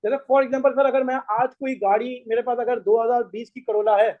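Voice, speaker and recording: A hoarse man gives a classroom lecture, mixes in English terms, and keeps quizzing the class with repeated questions. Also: extremely high pitch, steady tone, moderate pace. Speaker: tax course lecturer. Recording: tinny phone-like lo-fi recording.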